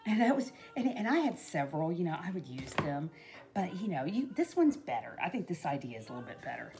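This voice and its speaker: Chatty woman, lively rambling voice. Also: low-pitched, brisk, music in the background. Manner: rambling and chatty, full of "you know". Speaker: craft vlogger. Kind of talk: casual crafting demo talk. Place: indoors at a craft table in a home.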